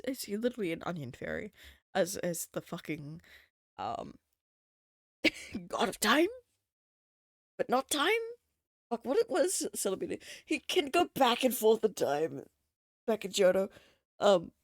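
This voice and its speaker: A woman's voice: medium pitch, dry recording, clean studio sound. A young adult woman streaming, chatting casually in a rambling, profane way, full of fillers. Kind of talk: casual livestream chat.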